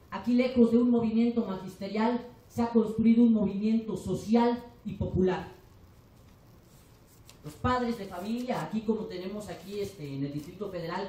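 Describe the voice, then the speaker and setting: In a big echoey lecture hall, captured by a distant microphone, a teacher and union delegate from Chiapas speaks with a Mexican Spanish accent. The warm, mid-range voice rises in a declamatory forum speech full of passion and stacked rhetorical lists.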